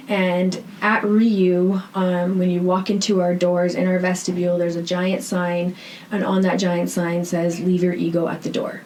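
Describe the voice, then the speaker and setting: Her voice is dark and on the low side: a Canadian-accented woman, founder of a rehab centre, appearing as a podcast guest and answering questions conversationally. She is earnest and emphatic, often tagging points with "right?". The recording is rough, with noticeable background noise.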